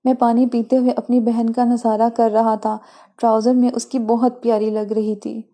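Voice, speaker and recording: A woman narrating a first-person story at an even, unhurried pace and reading out the dialogue. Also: a little high.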